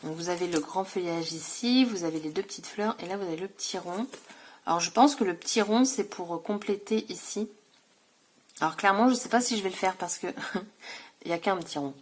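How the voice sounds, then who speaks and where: A woman's voice: fairly low pitch, a little fast. A woman vlogger showing off scrapbooking supplies in a casual, chatty way, full of fillers and self-corrections. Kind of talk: casual haul video.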